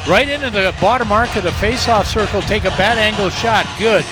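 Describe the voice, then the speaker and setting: A man's voice: high-pitched, fairly quick, over music. A man giving conversational, opinionated hockey analysis as a color commentator, repeating himself for emphasis. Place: hockey arena broadcast position.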